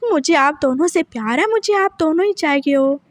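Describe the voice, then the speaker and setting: A torn, tearful young man begs softly not to be left, as a woman voices him. His voice is high and the sound is dry and close. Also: expressive, normal speed, dry recording. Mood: pleading, tearful. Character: gentle young male spouse, torn and tearful.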